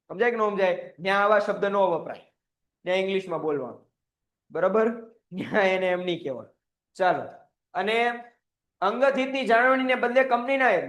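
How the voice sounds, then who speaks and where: A man teacher giving a recorded lecture, firing off rhetorical questions, acting out small quoted scenes and dropping English words into his talk. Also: sits high. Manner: asks constant rhetorical questions, acts out little quoted scenes. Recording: dull lo-fi audio.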